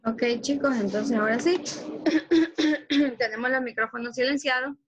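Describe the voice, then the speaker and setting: A woman teacher from Ecuador giving an online class and explaining slowly with worked examples. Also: sits high, muffled recording, a crowd in the background. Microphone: video call.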